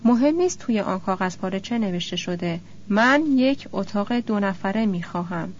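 A woman's voice: medium pitch, lively intonation, highs cut off, a little hiss or hum, natural voice. A woman voicing a rude, demanding male hotel guest in an audiobook. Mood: indignant. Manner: indignant, demanding.

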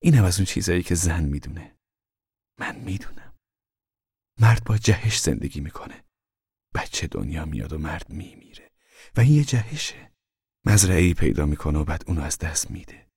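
A man voicing a calm, wise mother who speaks softly and reassuringly, almost in a whisper, in an audiobook. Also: deep voice, vocal fry, pauses often, slightly rough, dry recording, clean studio sound, exaggerated voice. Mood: gentle, reassuring. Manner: soft, soothing, half-whispered. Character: calm, wise, steady mother of a poor family. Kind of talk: audiobook character reading.

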